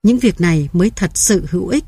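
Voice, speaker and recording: A woman's voice: on the low side, expressive, brisk, warm tone, husky, no echo. A woman reading as a weary elderly mother. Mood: relieved. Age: older. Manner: tired, plain. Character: elderly ill mother, weary but relieved.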